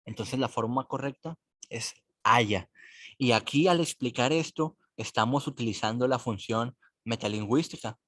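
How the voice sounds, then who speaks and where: A man teaching a class, explaining slowly and patiently and repeating words so students follow. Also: mid-range voice, a bit bright, no echo. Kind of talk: recorded online class explanation.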